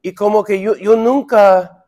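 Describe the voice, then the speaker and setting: A middle-aged man leading a sermon-style Bible lesson for married men, halting with fillers and repeated words, and playfully acting out little quips. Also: sits high, steady tone, mellow. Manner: playful, acts out quips for laughs. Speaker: pastor leading a men's Bible study.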